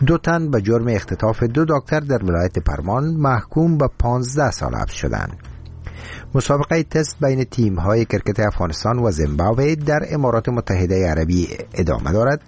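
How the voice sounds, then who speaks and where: A man's voice: mid-range voice, big pitch swings, darkish tone, slightly rough. A man with an Afghan Dari accent reading scripted radio news headlines in a solemn, formal manner. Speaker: newsreader.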